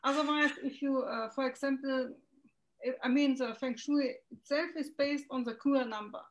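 High-voiced woman with a German accent. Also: fairly even intonation, moderate pace. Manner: hesitant, searching for words with many ums. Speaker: guest, feng shui consultant. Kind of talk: video call interview. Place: home room with window. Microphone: video call. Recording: dull lo-fi video call audio.

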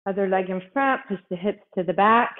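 A woman's voice: mid-range voice, brisk, phone-quality sound. A woman fitness instructor coaching a workout, out of breath, upbeat and encouraging as she counts reps aloud.

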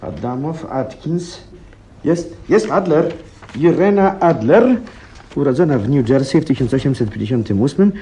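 Very husky, modest doctor sidekick. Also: male voice, on the high side, expressive, normal speed, mellow. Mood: reading out. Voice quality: husky, breathy. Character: modest, obliging male doctor, detective's loyal companion. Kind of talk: radio play acting.

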